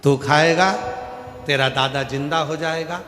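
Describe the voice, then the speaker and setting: A man doing a stern, brisk holy guru. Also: on the high side, steady tone, fairly bright tone. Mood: commanding. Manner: commanding, brisk. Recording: echoey hall, faint music.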